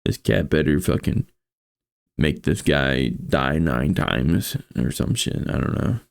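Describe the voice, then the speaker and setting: Man, slow delivery, gravelly creak, reading horror fiction aloud, casual sweary asides, dry close sound. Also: extremely low pitch, expressive, no echo. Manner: casual, foul-mouthed asides. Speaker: streamer reading a story aloud.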